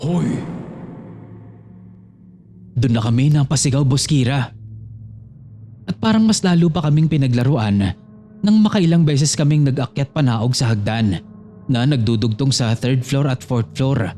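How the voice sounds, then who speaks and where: A man's voice: mid-range voice, expressive, normal speed, mellow, faint music behind. A man narrating a true horror story submitted by a listener, reading it in the first person as a scripted storytelling piece. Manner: storytelling, reads a listener's letter addressed to the host.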